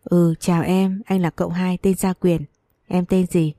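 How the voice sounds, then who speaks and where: A woman voicing a kind, soft-spoken young gentleman. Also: fairly low pitch, level tone, unhurried, no echo.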